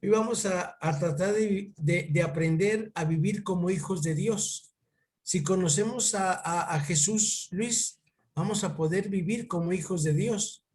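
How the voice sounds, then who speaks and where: This is a man leading a relaxed Bible lesson for a single student, heard through a video call. His voice sits high yet sounds soft and warm rather than bright. He talks haltingly, doubling words and turning to his listener by name. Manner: halting, repeats words while thinking. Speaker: Bible teacher. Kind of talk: informal one-on-one Bible lesson.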